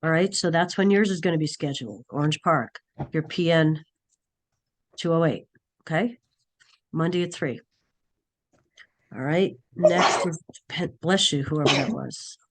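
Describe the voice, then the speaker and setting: Hoarse woman teacher with a cold, raspy, halting, thinks aloud mid-sentence, video-call class. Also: sits low. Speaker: nursing class instructor. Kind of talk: online class session.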